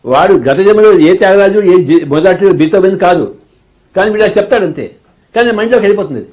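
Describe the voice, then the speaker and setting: An older man talks in a quick, high voice, teasing and playful. He slips into little acted-out voices as he tells stories in casual conversation. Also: lively intonation, a little mellow. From India. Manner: playful, teasing, acts out quoted dialogue. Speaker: spiritual teacher being interviewed. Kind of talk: casual chat.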